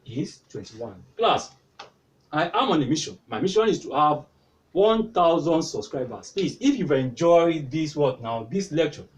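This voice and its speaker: A man's voice: on the high side, big pitch swings, unhurried, a little hiss or hum. Guy teaching maths at a board, keeps asking the class questions, bouncy voice, mic a bit far off. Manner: repeatedly asks "what now?" prompting answers. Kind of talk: whiteboard tutorial.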